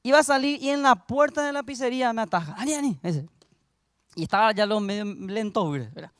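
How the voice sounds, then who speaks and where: Young guy preaching, really high voice, tells stories then gets loud and pushy. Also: expressive, brisk, no room sound, studio quality. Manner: storytelling, builds to loud exhortation. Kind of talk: sermon.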